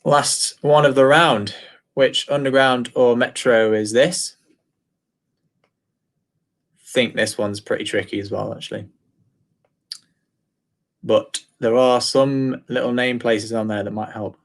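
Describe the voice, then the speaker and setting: A man's voice: medium pitch, steady tone, slow, pauses often. A man hosting an online quiz night, reading out questions and teasing his co-host in friendly banter.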